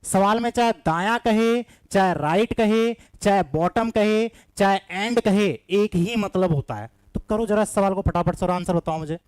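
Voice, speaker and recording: Male teacher, high voice, smooth and clear, coaxing, repeats himself, live class. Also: normal speed, few pauses, darkish tone, dry recording. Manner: coaxing, repetitive, reads out students' answers by name. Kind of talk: live online maths reasoning class.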